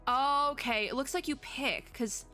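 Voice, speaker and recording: Reacting to game previews, this young streamer rambles and thinks out loud in loose, slangy commentary. She speaks high and unhurried, her tone pushed and bright. There's a music bed running under her voice.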